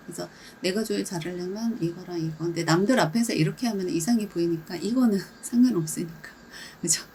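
A woman coaching everyday calming habits in a casual, chatty way, acting out little scenes and laughing often. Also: mid-range voice, a little hiss or hum, poor audio. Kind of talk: casual instructional talk.

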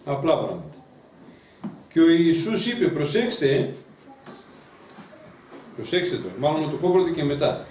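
A man, a priest teaching a Bible class in an emphatic, lively way and often asking his listeners questions. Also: on the high side, slight background noise. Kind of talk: sermon. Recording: roomy, distant mic with faint ambience.

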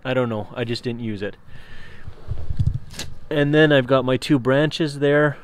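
A man giving a relaxed walkthrough of his trailer build, explaining as he goes with some fillers. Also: mid-range voice, unhurried, slight background noise. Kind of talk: casual walkthrough tour. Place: inside a converted cargo trailer.

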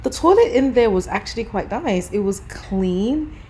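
Speaking at a moderate pace in an expressive, mellow mid-range voice, a travel vlogger in her thirties chats cheerfully in an airport lounge, peppering her talk with fillers like "you know." It's casual vlog talk plus voice-over review, recorded on a camera held at arm's length, with slight background noise.

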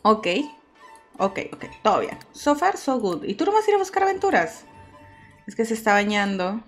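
Gaming host, female, fairly high voice, chatty and exclamatory let's-play commentary. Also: very animated, normal speed, soft background music. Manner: chatty, talks to her game characters, exclaims often. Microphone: microphone set too far off at times.

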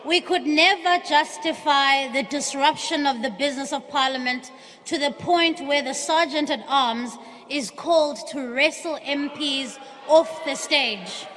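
Speaking a little slowly in a high voice, a South African opposition chief whip in her thirties delivers a forceful speech from a podium microphone in a vast parliamentary chamber. She slips into isiXhosa, and the broadcast feed carries a long hall reverb.

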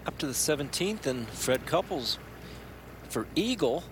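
A man's voice: on the high side, sing-song, measured pace. A man delivering live golf commentary, describing shots as a golf commentator. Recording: clearly noisy outdoor broadcast.

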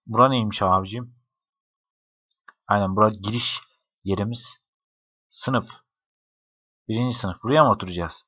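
Young man, low-pitched and bright, joking gameplay commentary, dull dry home mic. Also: dry recording. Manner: joking, talks to the game characters, laughs often. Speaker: gaming YouTuber.

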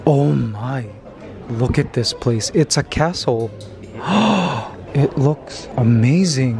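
Excitable man vlogging to camera. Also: on the high side. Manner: excitable, playful, quick asides. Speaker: vlogger host. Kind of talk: casual vlog chat. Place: family home kitchen, then restaurant. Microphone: handheld camera at arm's length.

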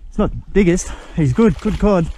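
A man's voice: sits high, moderate pace, mellow. An Australian man chatting casually outdoors while fishing, in a laconic, blokey outback drawl full of slang. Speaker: host of a fishing vlog. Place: outdoors on a river bank.

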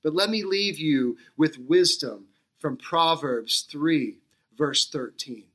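A man's voice: fairly high pitch, takes it slowly, fairly bright tone. A male pastor preaching a sermon, telling stories and stressing key words, then leading a prayer. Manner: leads a spoken prayer.

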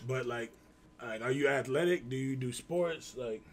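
A young man hosting a rowdy comedy livestream, loud, teasing and laughing a lot. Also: medium pitch, moderate pace, a little hiss or hum. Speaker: stream host on a blind date. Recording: live stream with loud crowd behind.

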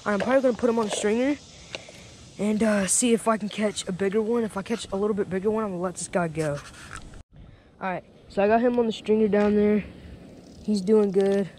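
His voice sits high, warm and steady, and he talks fast: a young man casually narrating a fishing vlog out by a small pond. Chatty and easygoing, he keeps saying "bro" and "dude." A head-mounted action camera captures it outdoors, wind and ambient sound included.

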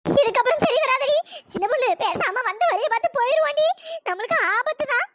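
Scaredy older sister for a cartoon: shrill, lively, whiny. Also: a little fast, a little hiss or hum. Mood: panicky. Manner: panicky, whining, complaining. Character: jittery older sister, easily frightened and whining.

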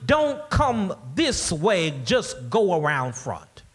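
A man's voice: high voice, wildly swooping pitch, slow pace, exaggerated voice. A male pastor voicing a firm woman who hollers warnings to a neighbor boy in a sermon story.

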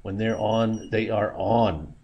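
A man's voice: fairly low pitch, slow, darkish tone, breathy edge, dull audio. A man in his sixties narrating a casual vlog in a dental clinic, chatty and plain-spoken, laughing at himself. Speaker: vlogger.

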